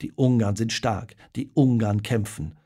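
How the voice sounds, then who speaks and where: A man reading a children's story aloud, dramatic and lively in his storytelling. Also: on the low side, a little slow, husky. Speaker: narrator. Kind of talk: storybook narration.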